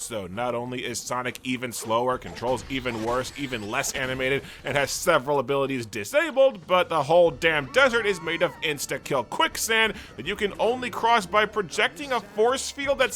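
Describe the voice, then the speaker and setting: Snarky guy ranting through a game review, high lively voice, faint music under it. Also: moderate pace, hardly any pauses. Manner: sarcastic, ranting, swearing. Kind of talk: scripted review narration.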